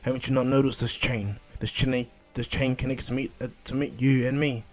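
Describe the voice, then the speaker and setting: A man's voice: medium pitch, level tone, moderate pace, darkish tone, lightly acted. A man voicing a short-tempered giant fox spirit in an anime story retelling, blunt and insulting but grudgingly helpful, with music behind. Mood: irritated, grudging.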